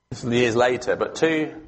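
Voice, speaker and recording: A man preaching a sermon in a church, talking in a conversational but emphatic way and asking his listeners questions. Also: medium pitch. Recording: long hall reverb.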